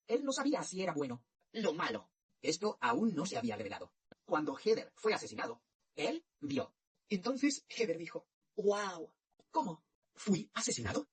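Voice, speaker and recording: Very breathy, husky woman narrator. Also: lowish voice. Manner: measured, repetitive phrasing. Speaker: religious narrator. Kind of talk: narrating a spiritual dream story.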